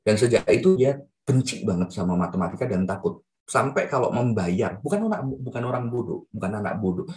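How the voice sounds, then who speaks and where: Animated man preaching a sermon. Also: fairly quick. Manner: animated storytelling, addresses congregation directly; lively pitch swings, drops to soft quiet tones when quoting. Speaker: evangelist preacher.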